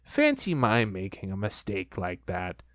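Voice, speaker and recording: A reader voicing a fussy mother kangaroo in a storybook, brisk, soothing and firm. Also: low-pitched, huge pitch swings, a bit bright, no echo, studio quality, exaggerated voice. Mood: brisk, motherly. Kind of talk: storybook reading.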